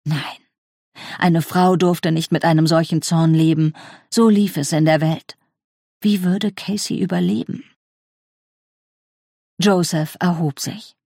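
A woman reading a novel aloud in a measured, calm manner as an audiobook narrator. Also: on the low side, creaky, no echo, clean studio sound. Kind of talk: scripted narration.

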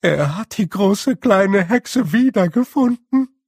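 A man doing a squeaky, fretful tiny fairy. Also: expressive, slow, husky, no room sound, clean studio sound, exaggerated voice. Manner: squeaky, anxious, apologetic. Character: tiny, fretful blue male fairy warrior.

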